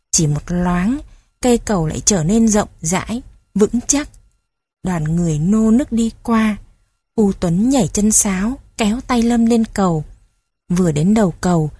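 Woman reading a folk-style story aloud, husky voice, steady, dry close sound. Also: medium pitch, no echo. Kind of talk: story narration.

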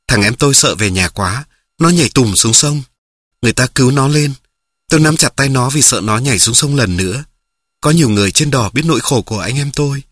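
Husky-voiced man reading a memoir. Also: medium pitch, fairly bright tone, no echo, clean studio sound. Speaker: narrator.

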